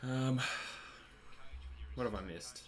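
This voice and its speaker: This Australian host, a man in his twenties, chats casually on a livestream over a cricket match, reading viewers' messages aloud. His medium-pitched voice is slow and a little mellow, and his manner is chatty, rambling and self-deprecating.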